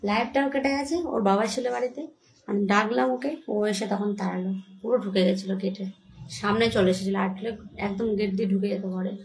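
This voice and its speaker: A woman's voice: medium pitch, steady tone, quick pace, a little mellow. Chatty woman livestreaming from home. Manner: chatty, shaken and frightened. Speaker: livestream host. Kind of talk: casual livestream chat. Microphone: phone.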